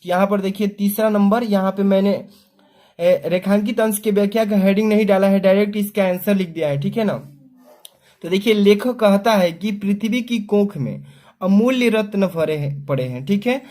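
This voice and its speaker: A young adult male teacher walking students through an exam paper, explaining step by step and reading verse aloud slowly. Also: high-pitched, mellow. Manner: explanatory, repeats "ठीक है" and "देखिए", slows down to read verse aloud; clears throat often.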